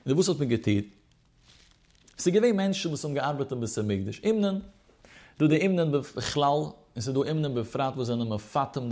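A man leads a Talmud study lesson in a fairly high voice. He lays out the reasoning step by step and poses rhetorical questions along the way. Hebrew study terms come up often in his explanation. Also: a little mellow. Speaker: religious teacher.

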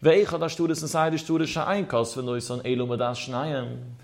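A man's voice: medium pitch, fairly even intonation, fairly quick. Man chanting through a text lesson. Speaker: Talmud teacher. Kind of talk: religious text lecture.

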